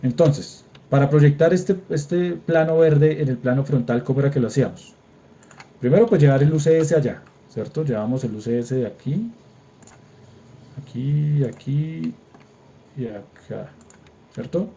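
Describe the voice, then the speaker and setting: A man's voice: fairly high pitch, unhurried, warm tone. Young colombian guy teaching an online class, patient, keeps checking on his students, slightly muffled video call audio. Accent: Colombian Spanish. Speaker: engineering drawing lecturer. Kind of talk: online class lecture with screen demo. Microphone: computer mic on a video call.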